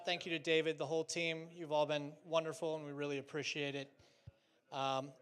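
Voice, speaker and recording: A man's voice: sits high, clear, resonant tone. A man giving a casual, chatty presentation with slides on stage at a live trade show, joking lightly between fillers.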